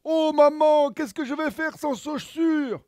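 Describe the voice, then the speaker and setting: A man's voice: extremely high pitch, slow, dark tone, no echo, clean studio sound, pitched above the performer's own voice. A man voicing a messy little schoolgirl in a storybook, whiny and pleading with her mother.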